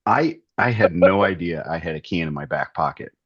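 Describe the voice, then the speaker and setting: A man's voice: deep voice, lively intonation, fairly quick, breathy edge, no echo, muffled recording. A middle-aged man in casual chat, telling stories in a joking, self-mocking way.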